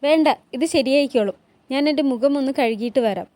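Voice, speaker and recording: A woman voicing an anxious, tearful young woman in a palace drama recap, speaking her lines in a soft, troubled way. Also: high-pitched, fairly quick, no room sound, natural voice.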